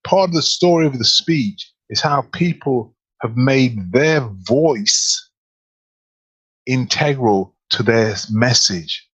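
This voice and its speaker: A man co-hosting a podcast as a speaking coach, talking in an animated, emphatic way with lots of rhetorical questions. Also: mid-range voice, slow pace, slightly rough, poor audio. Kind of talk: casual podcast chat.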